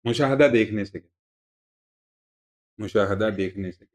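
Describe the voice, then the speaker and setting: A man giving a religious lesson to a class, explaining terms in a conversational, digressive way and repeating himself to make points clear. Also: lowish voice, takes it slowly. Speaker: religious teacher.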